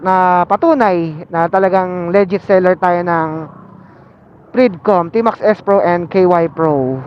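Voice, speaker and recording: A Filipino man talks slowly in a voice that sits high as he rides his motorcycle through city traffic, motovlogging casually with many fillers and slipping into English phrases. Recorded via a Bluetooth helmet intercom tied to an action camera, he sounds muffled, with faint vehicle and road noise around him.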